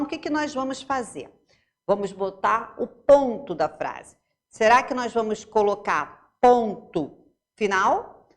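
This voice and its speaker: Lively Brazilian teacher explaining to children. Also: female voice, fairly high pitch. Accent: Brazilian Portuguese. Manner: explains slowly, asks checking questions to pupils. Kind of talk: remote classroom lesson.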